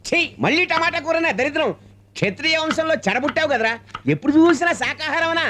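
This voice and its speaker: A man's voice: very high-pitched, fast, pushed and bright. A boastful old father. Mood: grumbling. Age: older. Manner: grumbling, boastful, mocking. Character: boastful old man, proud of his faded royal family line. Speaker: father of a young journalist.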